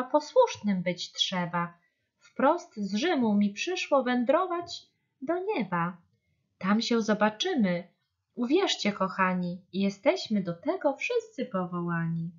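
A humble young saint, read by a woman, recites earnest rhyming verse slowly and solemnly with a lively lilt. The recording sounds dull. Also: medium pitch. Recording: dull lo-fi storybook reading.

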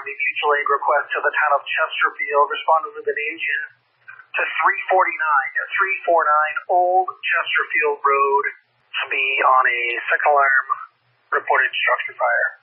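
A man working as a fire dispatcher, heard over a two-way radio, making a brisk announcement and repeating the address. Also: fairly high pitch, slightly rough. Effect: two-way radio transmission. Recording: phone-like dispatch radio channel.

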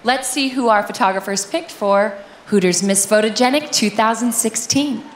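A woman's voice: a little high, moderate pace, a little hiss or hum. A young woman co-hosting a live stage pageant, announcing to an audience. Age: young adult. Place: large indoor theatre stage before an audience. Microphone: handheld stage microphone. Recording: roomy stage sound, loud music and crowd.

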